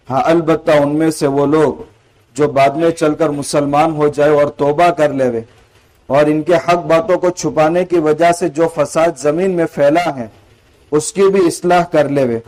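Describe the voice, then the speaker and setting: A fairly high-voiced man teaches a Quran commentary lesson in an earnest, explanatory way. He recites scripture lines between his explanations and leans on rhetorical questions to press each point home. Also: a little mellow, rough recording. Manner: earnest explaining, weaving in recited Arabic verses.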